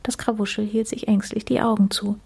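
A woman reading a children's story aloud, gentle and unhurried. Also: medium pitch, little pitch movement, slightly rough.

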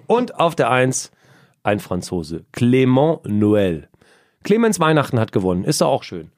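Lively joking man, dry close sound. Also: mid-range voice, moderate pace, no echo. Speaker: podcast co-host. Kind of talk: casual sports chat.

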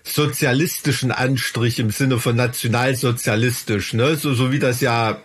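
A man's voice: mid-range voice, fairly even intonation, moderate pace, husky. A man co-hosting a podcast, chatting casually and sardonically about politics, with frequent hesitations. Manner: sardonic, hesitant with many fillers. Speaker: podcast co-host.

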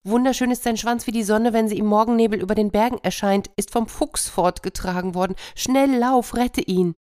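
A woman's voice: mid-range voice, big pitch swings, measured pace, darkish tone, voice pushed up. A woman voicing a fussy, anxious farmyard hen in a children's storybook tale. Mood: urgent. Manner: fretful, insistent.

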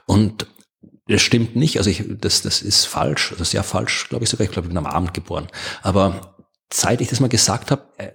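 A man's voice: lowish voice, fairly quick, vocal fry, fairly bright tone, breathy edge. A man with an Austrian accent co-hosting a podcast in casual chat, sarcastic and chatty, laughing often. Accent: Austrian German. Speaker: podcast co-host.

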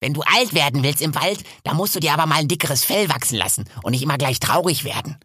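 A man's voice: a little high, lively intonation, quick pace, sharp tone, husky, dry recording, studio quality, pitched above the performer's own voice, full character voice. A man voicing a cheeky, joking little male forest animal in a storybook. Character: cheeky small male forest animal who climbs trees.

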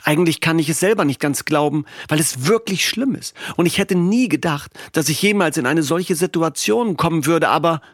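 A man's voice: a little high, normal speed, few pauses, dry recording, clean studio sound, natural voice. A man doing an urgent conspiracy-obsessed young guy. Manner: urgent, intense, raised voice. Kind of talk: audiobook reading.

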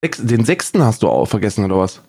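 Lively-voiced man in dry sound. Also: lowish voice, fast, creaky, husky, no echo. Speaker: co-host. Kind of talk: casual chat.

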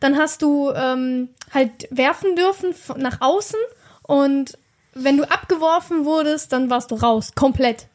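A woman in casual chat, explaining in short, halting phrases. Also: high-pitched, darkish tone.

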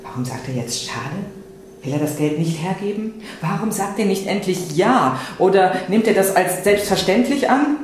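A man reads a literary inner monologue aloud, his voice rising and sinking with anxious drama. The voice sits a little high for a man. The room is very echoey, with a faint hiss behind it. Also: lively intonation, normal speed. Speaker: reader. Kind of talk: expressive literary reading.

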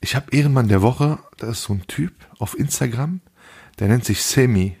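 A young man co-hosting a podcast, telling stories in animated casual chat with lots of street slang. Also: medium pitch, moderate pace, vocal fry, breathy edge. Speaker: podcast co-host.

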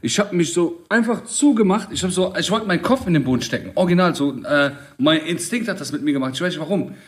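A man in his thirties, co-hosting a casual chat and telling stories in a slangy, animated way. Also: fairly high pitch, quick pace. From Germany. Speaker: podcast co-host.

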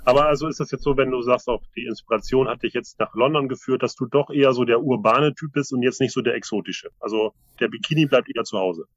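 A man's voice: mid-range voice, fast, few pauses. A man hosting a casual interview, steering the guest and introducing segments. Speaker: interview host. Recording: slightly dull, band-limited sound.

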